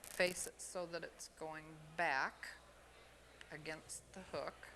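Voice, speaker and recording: A woman from Oregon giving an unhurried step-by-step fly tying demonstration at an expo. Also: low voice, fairly even intonation, pushed and bright, a little hiss or hum. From Oregon, USA. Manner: unhurried, plain instructional talk with pauses. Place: expo hall.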